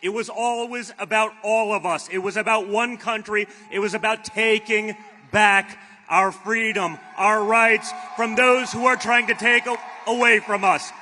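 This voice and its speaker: A man's voice: high-pitched, steady tone, unhurried. An American man giving an emphatic, exhorting rally speech to a large venue. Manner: emphatic, exhorting, building to shouted slogans. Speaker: speaker at a political rally. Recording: echoing large venue, faint crowd noise.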